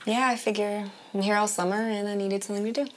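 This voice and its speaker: A woman's voice: medium pitch, fairly even intonation, fast talker, a little hiss or hum, natural voice. An actress playing a young woman back home for the summer who speaks in a casual, dry way. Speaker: film character. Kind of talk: naturalistic indie film acting.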